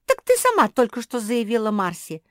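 A woman voicing an excitable young female dog who talks loudly and emotionally. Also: a little high, a little fast, no echo, studio quality, pitched above the performer's own voice. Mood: excited.

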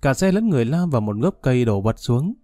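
A man narrating a scripted social story in a steady, even way. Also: medium pitch, fast talker, no echo, clean studio sound, faint music behind.

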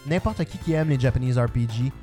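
A man's voice: medium pitch, quick pace, dark tone, faint music behind. A man with a Quebec French accent, reviewing a video game in casual panel chat, enthusiastic and full of fillers.

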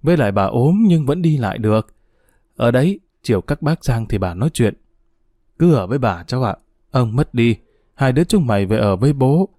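A man's voice: medium pitch, lively intonation, brisk, dark tone, no room sound, clean studio sound, natural voice. Frail sick old grandmother, as a male narrator reads her. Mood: gentle. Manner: coughing, breathless, scolding.

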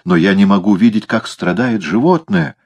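A man's voice: lowish voice, big pitch swings, moderate pace, creaky, darkish tone, husky, exaggerated voice. A man reading an audiobook, voicing a sentimental old cat lady who cares for animals more than people. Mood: callous. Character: old woman who dotes on cats, fussy and sentimental.

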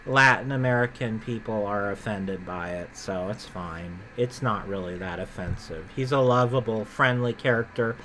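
A podcast co-host chats casually about theme park attractions, rambling and often correcting himself mid-sentence. His voice sits on the low side with a bright, forceful tone, and he keeps a moderate pace with hardly any pauses. There is slight background noise.

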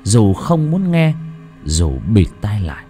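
A man's voice: lowish voice, very animated, takes it slowly, dark tone, soft background music. A man narrating a horror story audiobook in a dramatic, suspenseful manner.

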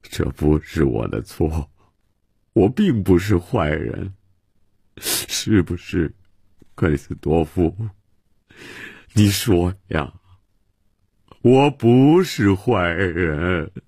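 A broken, self-pitying drunken father, as a man reads him. He pleads in a low, husky voice, slowly and haltingly. The recording is dry and intimate. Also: no echo, heavily acted. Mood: hesitant. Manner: mumbling, pleading and hesitant.

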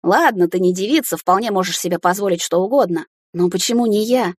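A man's voice: high voice, fairly quick, dry recording, studio quality. A woman voicing a jealous, sulky young male mage who talks in a reproachful, brooding way. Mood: bitter.

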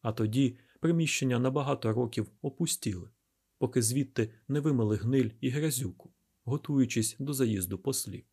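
A man narrates an audiobook in a steady, even manner. His voice is husky and sits at a middle pitch. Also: moderate pace. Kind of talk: scripted narration.

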